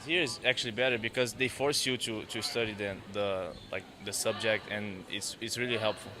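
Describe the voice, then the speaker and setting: A man's voice: fairly low pitch, steady tone, normal speed, background noise. A man, a student athlete giving hesitant interview answers and repeating his words. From Brazil.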